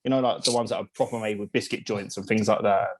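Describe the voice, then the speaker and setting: A man's voice: on the low side, fairly even intonation, fast talker, darkish tone. A man chatting casually on a podcast, talking in loose, restarting sentences and swearing freely. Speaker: podcast co-host. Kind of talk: casual chat.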